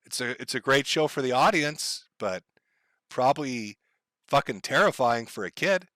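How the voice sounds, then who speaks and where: A man's voice: medium pitch, lively intonation, moderate pace, pushed and bright, dry recording. A man hosting a livestream, commenting to his chat in a blunt, profane, sardonic way. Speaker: stream host.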